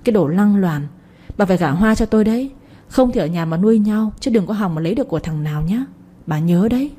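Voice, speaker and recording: A woman's voice: medium pitch, expressive, quick pace, dark tone, breathy edge. A woman doing a brash arrogant young man. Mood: taunting. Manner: commanding, taunting, defiant.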